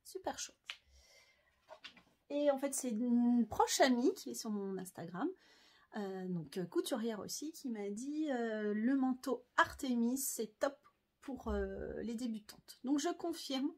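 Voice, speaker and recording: A woman's voice: fairly high pitch, animated, takes it slowly. A French woman talking casually to camera about her sewing, chatty and hesitant, with many fillers. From France. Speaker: sewing vlogger.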